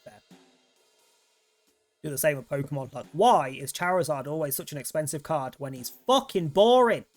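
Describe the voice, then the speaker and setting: A man's voice: on the high side, normal speed, faint music behind. A man streaming a game, rambling casually and swearing freely as he chats. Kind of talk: casual gameplay commentary.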